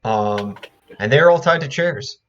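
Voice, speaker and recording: A man's voice: medium pitch, expressive, a little slow, slight background noise. A man running a tabletop game as dungeon master, describing scenes hesitantly with many fillers. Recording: dull lo-fi recording.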